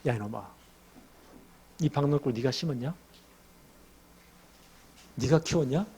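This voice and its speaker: A man's voice: medium pitch, a little slow, dark tone, slightly rough. A male pastor voicing God, who rebukes a prophet with a string of pointed questions. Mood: rebuking. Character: God scolding a stubborn prophet.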